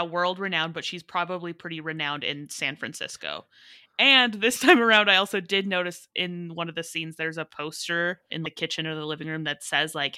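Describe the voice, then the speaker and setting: A woman chats eagerly about a film with friends, her voice bright and forceful yet a touch low. She piles on agreement and memories in quick, casual runs. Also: no room sound. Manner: chatty, enthusiastic, quick to agree. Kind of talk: casual movie discussion.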